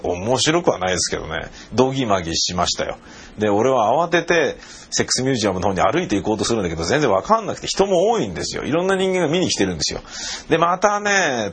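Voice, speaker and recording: A man's voice: on the low side, a little hiss or hum. A middle-aged man, a radio personality, telling a travel story in a casual monologue and acting out the voices he quotes. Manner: animated storyteller who acts out quoted voices.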